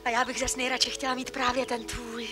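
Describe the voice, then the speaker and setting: A woman's voice: on the high side, little pitch movement, music in the background, close to an everyday voice. An actress playing a playful young village girl who teases her sweetheart in an old film.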